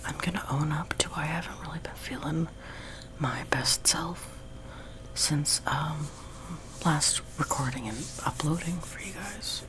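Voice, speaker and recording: A man's voice: on the high side, a little slow, background noise. A young adult man hosting ASMR, rambling in a close whisper right into the listener's ear on a sensitive microphone. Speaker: ASMR video host. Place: small room at home, seated on a love seat. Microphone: sensitive high-gain close microphone.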